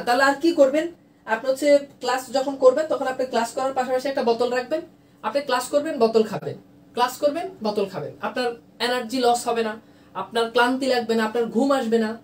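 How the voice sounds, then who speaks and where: Woman teacher, high voice, drills students with repeated questions, distant mic in a roomy space. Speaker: grammar teacher. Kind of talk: live online class. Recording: echoey room, distant mic, faint noise.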